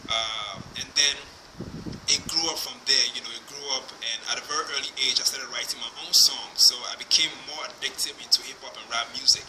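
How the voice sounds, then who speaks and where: A young man speaks in an interview, his answers halting and full of fillers and restarts. His voice sits at an ordinary middle pitch. A clear hiss of noise runs under the recording. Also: steady tone. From Liberia. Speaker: musician guest. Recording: noisy background.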